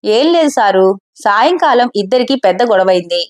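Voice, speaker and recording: A woman's voice: medium pitch, lively intonation, moderate pace, a little mellow, lightly acted. A woman voicing a young tea-stall keeper who respectfully and plaintively explains his side to elders. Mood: aggrieved. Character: young man, hurt tea-stall husband.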